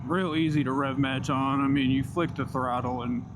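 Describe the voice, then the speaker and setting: Man vlogging over loud motorcycle noise. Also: mid-range voice, fairly even intonation, normal speed. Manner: laid-back slangy enthusiasm; talking while riding a motorcycle. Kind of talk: casual riding commentary. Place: outdoors on a moving motorcycle. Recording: loud engine and riding noise.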